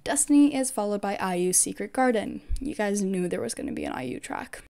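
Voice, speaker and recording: This woman makes K-pop fan videos and has recovered from losing her voice; here she reads a scripted, opinionated voice-over on her fan picks for a group. Her medium-pitched voice is animated, brisk and creaky, and she comes across as chatty and enthusiastic.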